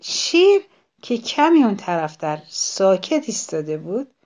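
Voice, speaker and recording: A woman narrating a children's story, expressive and speaking directly to the children listening. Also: mid-range voice.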